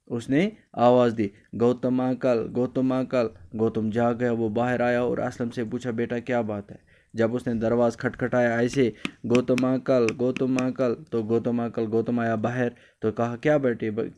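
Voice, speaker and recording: A man teaches a story lesson to young children. He speaks in a flat, level pitch with a clear, smooth tone. He repeats phrases and explains each new word carefully. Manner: explains word meanings, switches briefly into Kashmiri; addresses children fondly, repeats lines.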